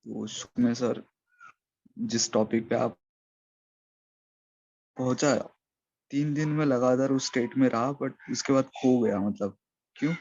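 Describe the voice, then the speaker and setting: Slow halting man on a choppy call. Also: medium pitch, darkish tone. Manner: halting, searching for words. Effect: choppy, cutting-out online call connection. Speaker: participant asking a question. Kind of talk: hesitant question to a teacher. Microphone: video call. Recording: muffled lo-fi call audio.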